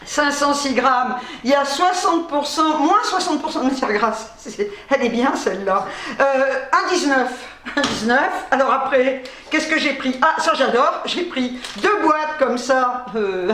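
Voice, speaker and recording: High-voiced agitated woman vlogger, echoey room. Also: expressive, measured pace, a bit bright. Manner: agitated, nervous laughter between phrases; swears casually. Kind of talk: casual shopping haul chat.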